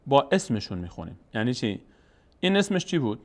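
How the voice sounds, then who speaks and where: In a recorded, step-by-step lesson on reading the Quran, a male teacher with a medium-pitched, very animated voice speaks patiently. He asks questions and answers them himself, drawing each sound out slowly when demonstrating.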